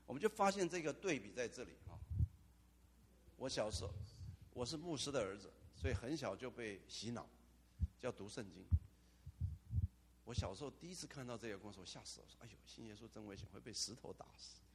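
A man preaching a sermon as pastor, animated, with dramatic asides. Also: medium pitch, fairly quick, long pauses, slight background noise. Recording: long hall reverb.

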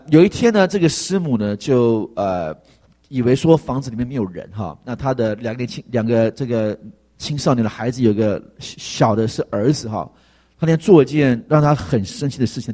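A man's voice: medium pitch, dark tone, husky. A man preaching a sermon, telling a story and asking the congregation rhetorical questions, with frequent fillers.

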